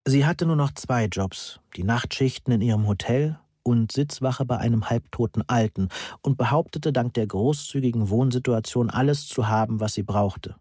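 A man reading a novel aloud as an audiobook narrator, dry and brisk. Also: mid-range voice, mellow, husky, dry recording. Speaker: audiobook reader.

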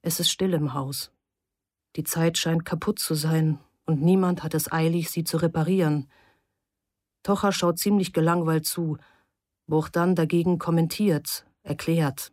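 Low-voiced woman reading an audiobook. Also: fairly even intonation, a little slow, a little mellow, dry recording, studio quality. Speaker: audiobook narrator. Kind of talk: scripted narration.

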